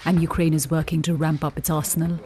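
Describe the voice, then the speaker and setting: Low-voiced woman war correspondent, grave and measured. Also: level tone, a crowd in the background. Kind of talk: scripted news report narration with on-location frontline reporting.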